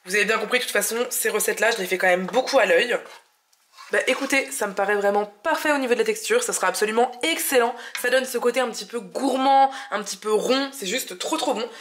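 A young woman with a fairly high voice talks through a recipe in her home kitchen. She sounds chatty and enthusiastic, explaining each step as she goes. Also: fast talker, fairly bright tone, slight background noise. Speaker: cooking channel host. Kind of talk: casual cooking vlog narration.

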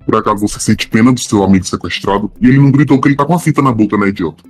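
A man's voice: fairly low pitch, rapid-fire, husky, no room sound, soft background music, voice pushed down. A man voicing a mocking male villain who insults a child in a Minecraft role-play. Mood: sneering. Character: sneering male villain who kidnaps a kid.

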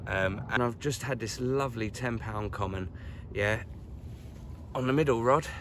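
A cheerful middle-aged Englishman talks excitedly to the camera in a casual vlog, crouched at the edge of a lake outdoors. His voice sits at an ordinary middle pitch, and faint traffic and outdoor ambience hum behind him. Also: a little slow. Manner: chirpy, chatty, excitable. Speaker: carp angler vlogger. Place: lakeside outdoors, crouched by the water.

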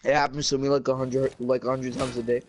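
A man's voice: mid-range voice, level tone, fast, a little hiss or hum. A man chatting casually with friends while playing online games, joking and pleading with them. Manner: joking, pleading, jumpy reactions.

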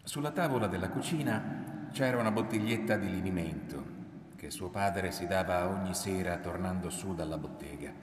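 A man reading a novel aloud in an expressive, dramatic narration. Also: sits low, moderate pace, slight background noise. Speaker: reader. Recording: roomy hall from far off.

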